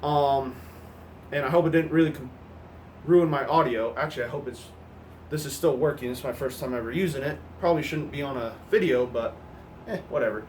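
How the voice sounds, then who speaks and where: A man's voice: mid-range voice, brisk, a little mellow, a little hiss or hum. A nasal-sounding young man, still getting over a cold, explaining a hammer throw technique in a loose, rambling vlog with lots of fillers. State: recovering from a cold. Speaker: hammer throw coach on his channel. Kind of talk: casual instructional vlog. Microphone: new microphone.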